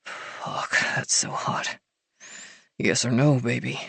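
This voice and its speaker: A woman narrator plays an intense, commanding young man, murmuring in a low, husky half-whisper and gritting out commands. Her delivery is unhurried and heavily acted, with no echo.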